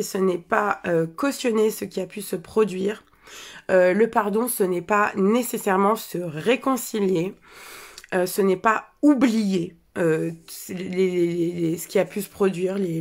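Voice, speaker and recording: A French woman hosting a live meditation stream. She chats casually, greets viewers by name, laughs often and hesitates with many fillers and restarts. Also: mid-range voice. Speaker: meditation and hypnosis guide. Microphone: microphone on a stand.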